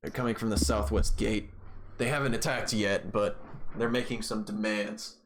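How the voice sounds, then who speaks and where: A man's voice: lowish voice, steady tone, moderate pace, slight background noise, close to an everyday voice. A man playing a brusque armed town guard in a tabletop game, speaking bluntly in an everyday voice. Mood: urgent warning. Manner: urgent, blunt, plain-spoken. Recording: music behind the voice.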